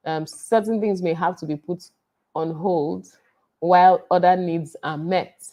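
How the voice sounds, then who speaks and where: A woman's voice: lowish voice, steady tone, unhurried, mellow. A woman in casual chat about marriage and money, plainspoken and practical. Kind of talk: casual relationship advice chat.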